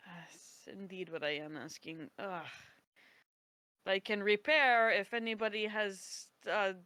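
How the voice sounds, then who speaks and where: A woman playing a tabletop role-playing game, speaking casually in character, tentative and halting. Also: mid-range voice, steady tone, bright, forceful tone, no echo.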